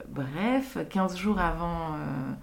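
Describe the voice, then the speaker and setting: A young woman and mother telling her own birth stories in an unscripted, hesitant way, with many pauses and fillers. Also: fairly low pitch, lively intonation, vocal fry. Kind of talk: unscripted personal testimony.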